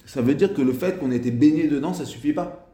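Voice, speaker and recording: A man giving a casual spoken lesson as a religious teacher, talking in a halting way with frequent restarts and fillers. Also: a little high, mellow, reverberant.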